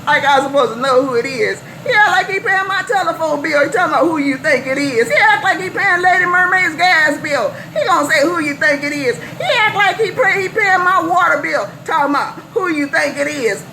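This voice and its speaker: Brisk and animated, a CB radio operator from California boasts playfully over a noisy transmission, chanting phrases again and again into her CB microphone. She has a high, gravelly, pushed and bright voice and barely pauses.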